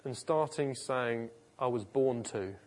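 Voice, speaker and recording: A pastor with a medium-pitched voice preaches slowly in a conversational sermon. He is informal and earnest, and he often stops mid-sentence to start over or correct himself.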